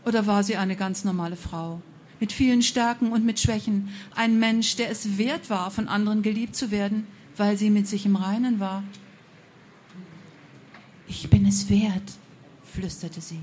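A woman telling a fairy tale aloud, expressive, with a few slips and self-corrections. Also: medium pitch, moderate pace, slight background noise. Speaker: storyteller.

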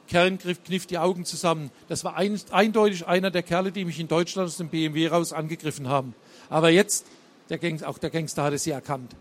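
A man reading and retelling a thriller, halting with many fillers and self-corrections. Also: a little high. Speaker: storyteller.

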